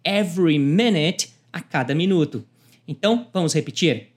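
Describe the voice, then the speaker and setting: A language teacher, patiently explaining and repeating phrases slowly for learners. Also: medium pitch, lively intonation. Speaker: English teacher.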